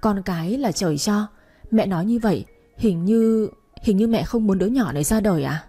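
A woman's voice: medium pitch, lively intonation, moderate pace, mellow, breathy edge, soft background music. Woman voicing a timid pregnant young wife. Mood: pleading. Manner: polite, pleading.

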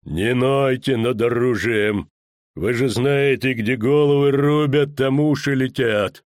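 A man voicing a grim, menacing executioner with a muffled, drawn-out voice in an audiobook reading. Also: mid-range voice, no room sound, studio quality, lightly acted. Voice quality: ominously muffled, slow and drawn out. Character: grim hooded male executioner, menacing, mocking. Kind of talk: audiobook character voice.

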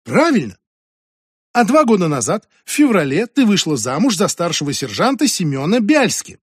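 A man's voice: high voice, very animated, moderate pace, breathy edge, no echo, clean studio sound, pitched above the performer's own voice, full character voice. A man voicing a stern, weary female army captain who speaks in a curt, commanding way with polite pressure. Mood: impatient.

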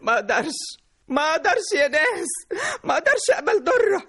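A woman's voice: high-pitched, expressive, brisk. An actress playing a distraught, crying middle-aged mother who speaks with an Egyptian accent in a radio drama. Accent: Egyptian Arabic. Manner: sobbing, wailing complaints. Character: distraught middle-aged mother, sobbing over her husband.

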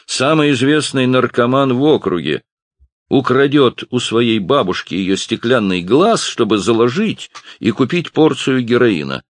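A man voicing a big, loud, mocking man who taunts others in an audiobook. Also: mid-range voice, very animated, unhurried, no echo, pitched above the performer's own voice. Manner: jeering, raised voice.

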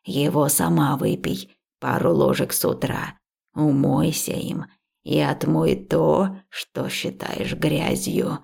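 A woman voicing a wise, stern old village herbalist who gives slow, measured instructions. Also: sits low, steady tone, creaky, a little mellow, breathy edge, voice pushed down, full character voice. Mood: instructive.

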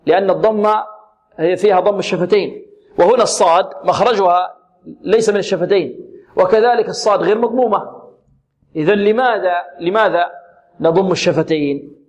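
A man's voice: high-pitched, a little mellow. Patient man teaching Quran recitation. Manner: patient, repeats syllables slowly, asks and answers own questions. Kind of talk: tajweed lesson with recited examples.

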